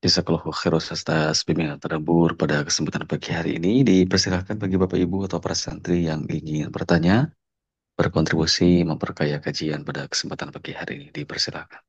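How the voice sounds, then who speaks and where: A man's voice: low-pitched, level tone, fast talker, breathy edge, dry recording. A male moderator formally thanking the teacher and inviting questions from the audience. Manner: formal and polite. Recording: dull dry lo-fi audio.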